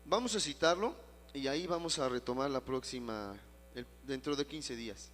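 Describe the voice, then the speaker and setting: A man's voice: mid-range voice, moderate pace, faint music behind. A male pastor teaching a Bible study, telling stories with emphatic repetition. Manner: animated storytelling with emphatic repetition. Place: church auditorium. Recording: long reverb in a hall.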